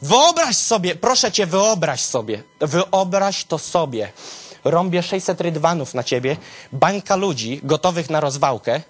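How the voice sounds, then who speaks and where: Male preacher, high voice, dramatic Bible storytelling, addresses listeners directly. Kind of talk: animated sermon storytelling.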